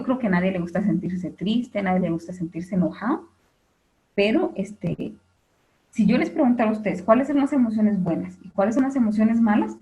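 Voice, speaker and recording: A woman's voice: medium pitch, warm tone, highs cut off. A woman teaching an online class, explaining at length with many "este" fillers and questions to her students.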